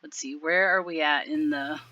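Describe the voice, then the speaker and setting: A woman's voice: sits low, fairly even intonation, normal speed, pushed and bright, highs cut off. A woman talking casually in a video commentary, rambling with many fillers.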